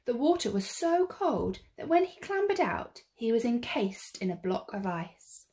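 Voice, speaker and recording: A woman reading a children's picture book aloud in an expressive, theatrical way, drawing out the action words. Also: a little high, measured pace. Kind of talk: expressive read-aloud storytelling.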